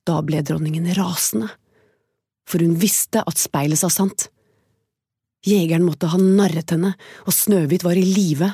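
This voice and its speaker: A woman reading a fairy tale aloud as a storyteller, calm, gentle and evenly paced. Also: lowish voice, husky, dry recording, studio quality.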